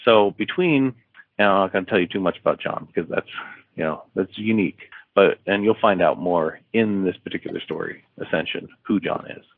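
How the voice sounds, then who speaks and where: A man with a very low voice talks casually as an interview guest, restarting sentences and filling pauses. The sound is dry and narrow, like a phone call. He tells a story at an easygoing pace. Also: vocal fry, no room sound. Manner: rambling with many fillers and restarts, acting out dialogue. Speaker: author guest.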